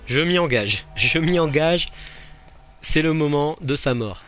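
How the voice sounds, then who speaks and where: A man offers casual gameplay commentary in an animated voice that's on the high side and a bit bright, speaking a little slowly over faint hiss or hum. Each failed try draws an exclamation, a laugh, and some self-mockery.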